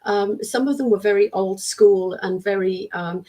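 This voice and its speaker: In a casual interview, a middle-aged British woman who works as a spiritualist medium and teacher tells her stories warmly, acting out little quoted exchanges with her students. Her mid-range voice is croaky and worn out, her throat strained, and she speaks at a normal speed.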